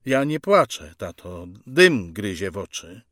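A young captive son speaks earnestly and defiantly to his father, as a man voices him. The voice is low and the pace slow. The recording is dry and close. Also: sing-song, a bit bright, no room sound.

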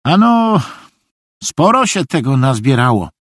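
A man's voice: mid-range voice, sing-song, a little slow, fairly bright tone, no echo, clean studio sound, voice pushed up. A man voicing a cheerful, simple-minded middle-aged soldier who talks naively and earnestly. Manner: naive, earnestly obliging, rambling.

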